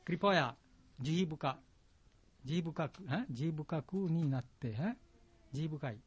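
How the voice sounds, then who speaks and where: A man teaching a class a devotional song, patiently explaining it word by word in simple, halting Japanese. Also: on the high side, expressive, slightly rough. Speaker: chant teacher. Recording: dull lo-fi recording.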